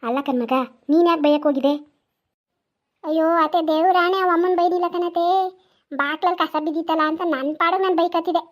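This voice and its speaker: A woman's voice: extremely high pitch, fast. A woman voicing a quarrelsome village woman in a cartoon, bickering sharply. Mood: protesting. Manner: grumbling, sharp-tongued bickering. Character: quarrelsome village woman sweeping her doorstep. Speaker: cartoon character. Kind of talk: cartoon voice acting.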